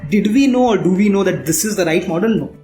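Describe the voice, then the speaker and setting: Speaking at a quick pace, an Indian man with a mellow, animated voice that sits high explains things as a startup founder being interviewed. His answers are conversational. The roomy space adds echo, and soft background music is faintly audible.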